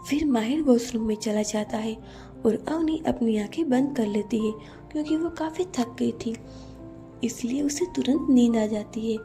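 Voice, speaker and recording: A woman narrating a romance story in a steady, even reading style. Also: fairly high pitch, normal speed, soft background music.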